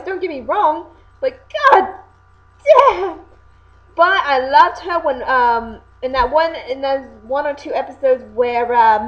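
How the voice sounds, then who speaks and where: This excitable, high-voiced young woman is a video co-host talking about anime voice acting in a relaxed chat. Lively and prone to correcting herself, she comes through on a flat, low-fidelity home recording.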